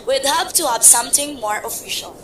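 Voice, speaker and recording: A woman's voice: high voice, lively intonation. A woman playing a prim telephone supervisor. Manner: measured, formal, bureaucratic. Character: calm, officious female telephone supervisor. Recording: noisy amateur recording.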